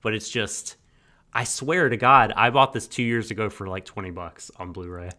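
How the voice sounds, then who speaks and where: Chatty guy cohosting a podcast, lowish voice with a bright edge, laughs a lot. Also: moderate pace. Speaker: podcast co-host. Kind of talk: casual podcast chat.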